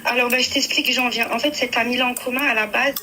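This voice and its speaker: A young woman calling a radio show, shaken and hesitant, halting with many fillers. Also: on the high side, steady tone, bright, forceful tone, slight background noise, poor audio. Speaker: caller. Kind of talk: phone-in confession.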